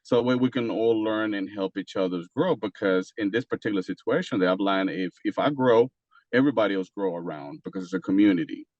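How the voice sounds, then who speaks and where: A man from Costa Rica, a native Spanish speaker with a Costa Rican Spanish accent, talking as an interview guest in a halting way with many fillers and restarts. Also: lowish voice, darkish tone, dry recording, lo-fi sound. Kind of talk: casual interview talk.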